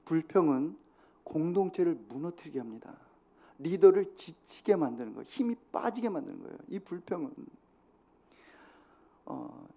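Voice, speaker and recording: A Korean man preaching a sermon as pastor of a small church, exhorting the congregation and dropping from loud to hushed. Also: mid-range voice, gravelly, lo-fi sound. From South Korea.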